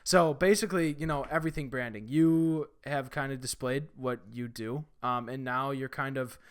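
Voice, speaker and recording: Host read: mid-pitched man, chatty and rambling, filler-heavy. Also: steady tone, moderate pace, clear, resonant tone. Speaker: podcast host. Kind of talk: casual chat.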